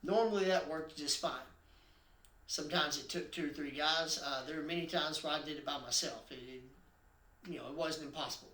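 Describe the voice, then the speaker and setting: A man's voice: a little high, a little fast, bright, forceful tone, reverberant. A man earnestly recounting his own accident as a personal testimony, building suspense with emphatic stresses.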